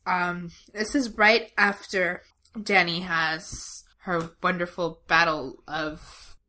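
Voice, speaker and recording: Woman, podcast co-host, casual recap chat, sarcastic, filler-heavy, bright tone. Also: lowish voice, steady tone, takes it slowly.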